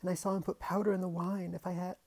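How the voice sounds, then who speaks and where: A man's voice: high voice, little pitch movement, quick pace, vocal fry, noisy background, voice pushed up. A man doing a bold young girl. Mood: pleading. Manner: urgent, pleading, breathless. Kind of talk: audiobook character voice.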